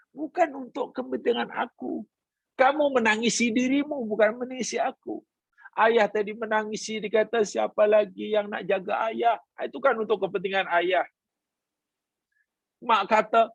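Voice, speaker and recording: A man teaching a religious class in a sermon style, his voice sitting high for a man. He tells a story, acts out the family's words and recites Arabic phrases. The recording is close and dry, with no room sound. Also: a bit bright, dry recording. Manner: storytelling, voicing family members and quoting Arabic.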